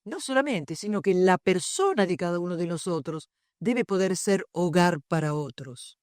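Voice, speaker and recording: A woman's voice: on the low side, animated, normal speed, a little mellow, no echo, studio quality. Older Argentine woman, reflective storyteller. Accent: Argentine Spanish. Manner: reflective, digressive, tells anecdotes. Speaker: book presenter. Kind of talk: public book presentation talk. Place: university lecture room.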